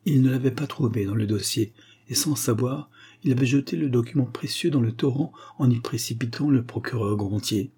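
Husky-voiced man reading a thriller. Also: mid-range voice, brisk. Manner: steady, dramatic storytelling. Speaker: narrator. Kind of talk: audiobook reading of a spy novel.

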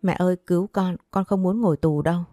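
A woman's voice: fairly low pitch, fairly even intonation, fast talker, dark tone, no echo, studio quality, lightly acted. A woman reading the lines of a spoiled, resentful young woman in an audio story. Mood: frightened. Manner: sulky, resentful.

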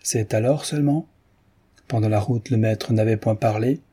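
A man's voice: on the low side, moderate pace, warm tone, slightly rough. A man reading aloud voices a young woman, a composed mistress who questions her servant steadily. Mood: stern.

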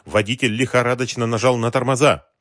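A man narrating a thriller audiobook in an expressive, dramatic way. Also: medium pitch, fairly quick, dry recording, studio quality.

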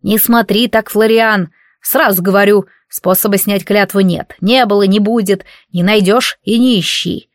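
A woman's voice: mid-range voice, fairly even intonation, normal speed, no echo, studio quality, close to an everyday voice. A woman voicing a grumpy, scolding old village witch who talks in folksy, rustic old speech. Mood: stern. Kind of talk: audiobook character voice.

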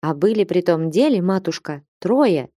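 A woman's voice: lowish voice, lively intonation, normal speed, dark tone, no echo, studio quality, natural voice. A woman voicing a humble, anxious old nun treasurer in an audiobook, pleading and lamenting. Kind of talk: audiobook character reading.

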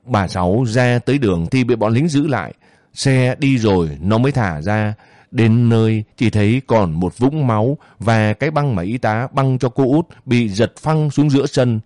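A male narrator reads a story in a calm, measured manner. His voice sits at an ordinary middle pitch. The recording is close and dry, with no room echo. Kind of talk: audiobook narration.

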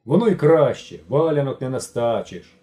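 A man's voice: mid-range voice, sing-song, moderate pace, warm tone, natural voice. A man voicing a fussy, talkative older woman who scolds her nephew in an audiobook. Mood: scolding.

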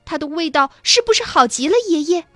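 A woman's voice: high voice, animated, fairly quick, fairly bright tone, no echo, soft background music, pitched above the performer's own voice. A woman voicing an eager, wide-eyed young boy, amazed and asking questions, in a children's storybook reading.

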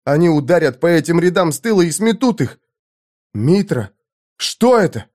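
A man voicing a frantic young squire in a dramatized audiobook, calling out the battle in high, excited shouts. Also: normal speed.

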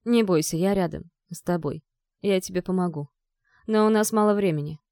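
A woman's voice: medium pitch, normal speed, a little mellow, clear, resonant tone, no echo, clean studio sound, natural voice. A woman voicing a young man who speaks firmly and decisively, urging the heroine. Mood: firm, urgent. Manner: firm, decisive, commanding. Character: stern, urgent young man, the heroine's boyfriend. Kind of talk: audiobook character voice.

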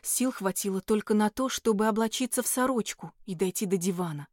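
A woman's voice: mid-range voice, a little fast, a little mellow, no echo, clean studio sound. A woman reading a first-person fantasy audiobook in an emotional, dramatic manner. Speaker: audiobook narrator.

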